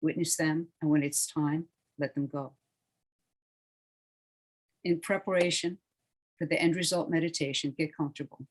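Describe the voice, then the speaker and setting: A meditation guide leading a guided relaxation with a slow, soothing, hushed delivery that trails off softly at the ends of phrases. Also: mid-range voice, steady tone, low-quality recording.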